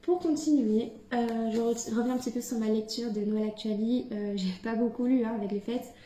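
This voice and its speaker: A woman's voice: fairly high pitch, steady tone, a little fast, warm tone. A young woman book vlogger chatting casually to camera at home, hesitant with many fillers and restarts. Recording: echoey room.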